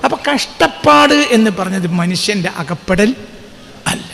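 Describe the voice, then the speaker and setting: Preacher, male, high and gravelly, reverberant hall sound. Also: lively intonation, fairly bright tone. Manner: rhetorical questions to the audience, chants Arabic verses slowly. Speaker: Islamic preacher. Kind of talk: sermon class.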